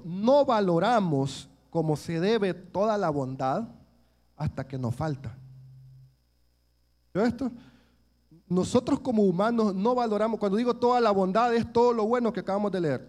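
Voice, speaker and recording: A man's voice: high voice, expressive, normal speed, a little mellow. A man, preaching a sermon and telling stories from his childhood in an earnest way, often calling his listeners brothers.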